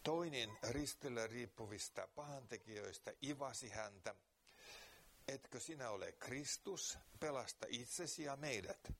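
Man reading bible verses slow and earnest, gravelly voice, faint hiss behind. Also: mid-range voice, fairly bright tone. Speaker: preacher. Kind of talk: reading scripture and praying.

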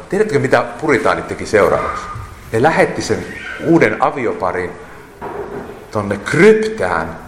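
A man's voice: fairly low pitch, a bit bright, slight background noise. Male preacher, emphatic sermon delivery, long church reverb. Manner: emphatic, lists points and quotes scripture. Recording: echoey hall with long reverb.

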